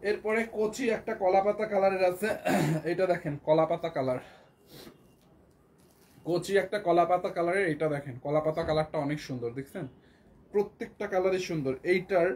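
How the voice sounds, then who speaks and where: A hoarse man from Bangladesh giving a live online sales pitch for clothes, repeating himself and coaxing viewers as he shows each item. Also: moderate pace, a little mellow. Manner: repetitive, coaxing, calls viewers "apu". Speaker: clothing seller.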